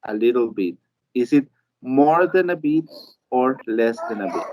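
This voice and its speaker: A man's voice: medium pitch, animated, slow, darkish tone, highs cut off. A male teacher gives a live online lesson. He explains step by step and keeps checking in with his students. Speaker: English teacher.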